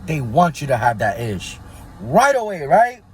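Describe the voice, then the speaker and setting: Speaking at a measured pace, this male vlog host has a voice on the high side with big swings in pitch. He delivers casual commentary in a conspiratorial way, constantly checking in with "right?" and covering himself with "allegedly," against a little hiss or hum.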